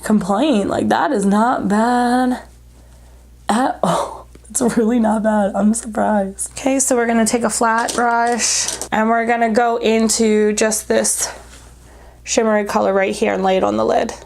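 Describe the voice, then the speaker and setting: A beauty vlogger's fairly high, creaky voice has a darkish tone and fairly even intonation, moving a little slowly. She chats casually to camera while putting on makeup, offering a blunt, jokey review. Allergies make her congested and breathless, almost hyperventilating.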